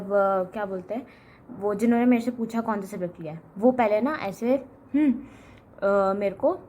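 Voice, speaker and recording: Slow, rambling young woman chatting. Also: mid-range voice, a little mellow, slight background noise. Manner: rambling, chatty, lots of fillers and self-corrections. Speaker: arts student vlogger. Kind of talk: casual chat.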